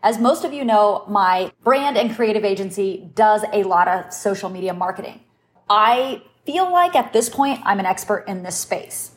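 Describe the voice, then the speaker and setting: A woman hosts a solo podcast and coaches her listeners with steady encouragement and emphasis. Her voice sits at an average pitch for a woman. The sound has the close, plain quality of a phone recording. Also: normal speed. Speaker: podcast host and agency founder. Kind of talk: solo business-advice podcast talk.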